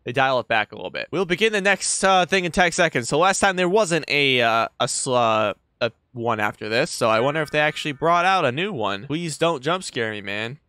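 Recorded close on a desk mic with a headset on, this young adult gaming host jumps and shouts through a horror game, swearing and using plenty of slang. His mid-range voice is animated and fairly quick, with hardly any pauses, and comes across bright, forceful, clear and resonant. The small indoor gaming room adds no echo.

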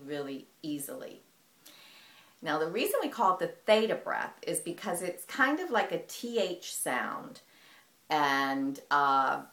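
A woman calmly explaining and demonstrating a breathing exercise as a movement teacher. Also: on the low side. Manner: calm, explanatory. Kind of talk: instructional demonstration. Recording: echoey room.

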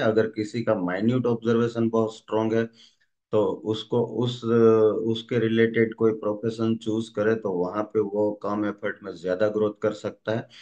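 Male trainer, mid-pitched, explanatory lecture, filler-heavy, slightly dull lo-fi audio. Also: darkish tone. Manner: explanatory, frequent "uh" fillers and restarts. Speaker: DMIT trainer. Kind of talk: recorded lecture on brain lobes.

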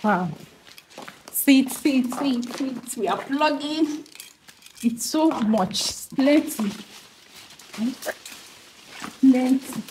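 Excited young Nigerian woman vlogging. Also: sits high, slow pace, pauses often, a little hiss or hum. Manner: excited, repeating herself, showing off fruit to camera. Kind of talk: casual vlog narration. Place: outdoor yard picking guava.

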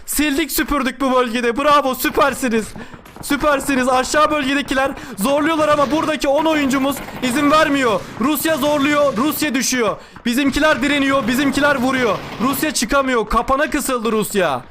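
High, bright-voiced male esports commentator. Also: brisk, slight background noise. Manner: excited, repeats calls, cheers on his team. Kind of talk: live game play-by-play commentary.

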